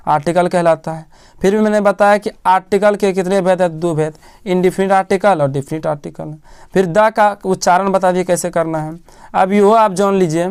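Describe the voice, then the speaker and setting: Smooth-voiced male tutor drilling grammar. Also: high-pitched, darkish tone. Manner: asks questions and answers them himself, repeating key words. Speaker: teacher. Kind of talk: classroom-style grammar lesson.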